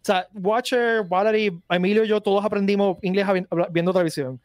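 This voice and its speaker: A man's voice: high voice, steady tone, a little fast, dry recording. A man co-hosting a casual chat, talkative and steering the discussion, speaking from home on a video call. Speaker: podcast co-host.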